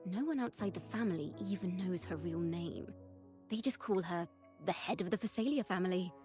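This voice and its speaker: A woman playing an eager, excitable young female companion in a video game, with expressive storytelling delivery. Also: on the low side, brisk, faint music behind, lightly acted. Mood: informative, curious. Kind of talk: scripted video game dialogue.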